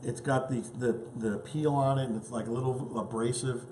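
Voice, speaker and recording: Male cooking host, chatty and eager, average pitch, roomy kitchen sound. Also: steady tone, moderate pace, darkish tone, a little hiss or hum. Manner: enthusiastic, chatty, tasting food as he talks. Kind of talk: casual cooking show.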